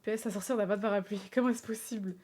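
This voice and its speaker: A young woman streaming live, chatting casually with her viewers, animated and laughing often. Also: mid-range voice, very fast. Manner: animated, laughs often, talks straight to chat.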